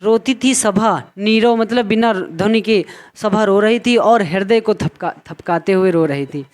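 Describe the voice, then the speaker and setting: Male teacher explaining Hindi poetry. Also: sits high. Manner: slow recitation of verse, then line-by-line explanation with repetitions. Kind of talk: explaining a Hindi poem to students.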